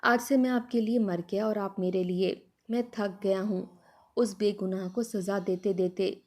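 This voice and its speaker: A woman's voice: mid-range voice, fairly even intonation, measured pace, darkish tone, close to an everyday voice. A woman voicing a grief-stricken young husband who pleads emotionally in a spoken love story. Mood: anguished.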